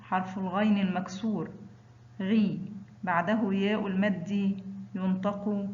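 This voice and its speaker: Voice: medium pitch, flat delivery, darkish tone, roomy sound, dull audio. An Arabic teacher reciting a phonics lesson, stretching out each example word after stating the rule. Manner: drawn-out example words after brisk letter rules.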